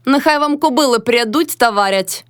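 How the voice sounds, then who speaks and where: A quarrelsome young peasant wife with a sharp, mocking tongue, put on by a woman reading the tale. Her voice sits high and cutting, recorded dry and close with no room around it. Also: normal speed, clear, resonant tone, dry recording, close to an everyday voice.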